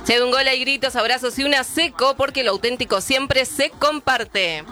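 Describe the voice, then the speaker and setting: Ad announcer, bright tense voice, emphatic, music underneath. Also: high-pitched, moderate pace. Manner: emphatic, repeats brand names. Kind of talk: radio ad reads.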